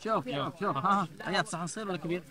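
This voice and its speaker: A man's voice: sits high, rapid-fire. A man with a Gulf Arabic accent in casual banter, insistently repeating short phrases. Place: outdoors at a desert camp. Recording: busy group chatter around.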